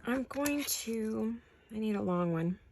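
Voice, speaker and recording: A woman's voice: a little high, lively intonation, takes it slowly, background noise. A woman hosting a crafting video, chatting casually and talking to herself as she works. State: hiccups. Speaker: crafting channel host. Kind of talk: casual crafting chat while working.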